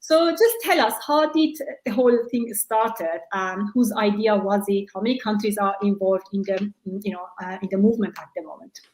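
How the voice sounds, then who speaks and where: A woman from Iran hosting an online panel discussion, speaking in a friendly, measured way with frequent fillers. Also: medium pitch, a little mellow, roomy sound, poor audio. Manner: friendly, measured, with many "you know" fillers. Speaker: panel moderator.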